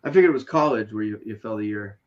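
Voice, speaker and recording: A man in his late thirties co-hosting a casual podcast, animated and teasing, swearing freely. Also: fairly low pitch, fast, lo-fi sound. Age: 30s. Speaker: podcast co-host.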